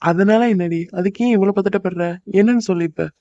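Man as a fretful cartoon husband, quick mid-pitch patter, muffled lo-fi recording. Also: mellow, no echo. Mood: calm. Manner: fast, scolding then soothing. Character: young husband, fretful but soothing.

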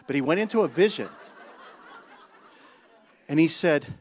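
A man preaching a sermon, telling a story with animated exclamations and chuckling asides. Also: a little high, measured pace, slight background noise. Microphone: handheld mic.

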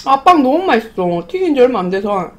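A woman's voice: sits high, very animated, a little fast. A woman hosting an eating show, chatting about the food with her mouth full as she chews. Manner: chatty, muses over food while chewing. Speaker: mukbang host. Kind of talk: casual eating show commentary.

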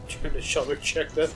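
A man's voice: on the high side, rough recording. A young man playing a video game and commenting casually, swearing at frustrating moments. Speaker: gamer playing. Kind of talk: casual let's-play commentary. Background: game music.

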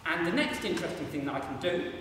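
Talking fast in a voice on the high side, a young man runs an energetic maths demo on stage at a variety show, poking fun at himself and chatting with the crowd. He holds a mic but sometimes sets it down, and the distant recording in the echoing hall has a slight hiss or hum.

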